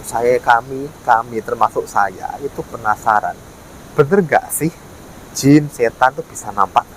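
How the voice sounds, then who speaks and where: A ghost-hunting vlogger chats casually to the camera, explaining things and going over his points again with lots of tag words. His voice is fairly low and a bit bright. The low-quality recording picks up faint ambient and vehicle noise.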